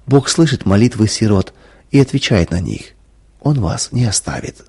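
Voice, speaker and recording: A man voicing a gentle loving mother. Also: lowish voice, animated, normal speed, gravelly. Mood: tender.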